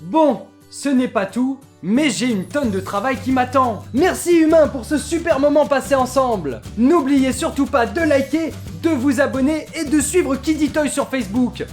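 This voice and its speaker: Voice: high voice, moderate pace, hardly any pauses, faint music behind, close to an everyday voice. Un interprète qui prête sa voix à une joyeuse mascotte de laboratoire non humaine, à l'français, qui présente un jouet scientifique avec entrain. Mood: explaining. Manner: bubbly, exclamatory, instructional. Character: cheerful nonhuman lab mascot calling viewers humans. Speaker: toy demonstrator. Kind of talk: scripted toy presentation.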